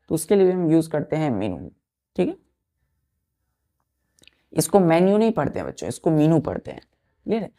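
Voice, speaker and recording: A woman with a deep, mellow voice teaches a slow English vocabulary lesson in class, spelling words out letter by letter and frequently checking that her students are keeping up.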